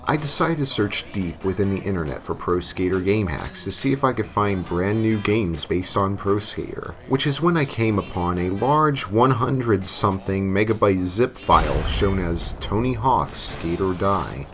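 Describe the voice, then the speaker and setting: Crowd noise accompanies this low-voiced narrator, who speaks at normal speed with lively intonation and few pauses. He reads a scripted story in a tongue-in-cheek way, sometimes hamming up lines, while novelty songs and game music play behind him.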